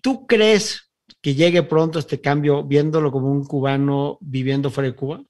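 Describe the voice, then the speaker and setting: A man's voice: a little high, steady tone, normal speed, darkish tone. A man from Mexico hosting a podcast, asking long, rambling questions of his guest. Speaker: podcast host. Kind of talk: interview questions.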